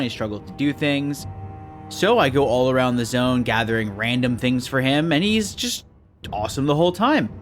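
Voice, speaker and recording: A man's voice: medium pitch, a bit bright. A man narrating a game video in a scripted, dry and sarcastic way. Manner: dry, sarcastic, mock-suspicious. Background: faint background music.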